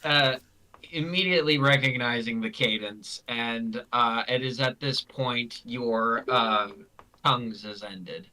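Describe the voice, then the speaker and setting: A man narrating as game master of a tabletop game, halting and full of restarts. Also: medium pitch, pushed and bright, a little hiss or hum, rough recording.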